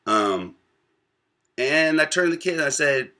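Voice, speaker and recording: A man in his twenties from the United States, telling a personal story to camera in a reflective, pausing way. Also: fairly high pitch, expressive, sharp tone. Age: 20s. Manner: reflective, pausing often between thoughts. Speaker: vlogger.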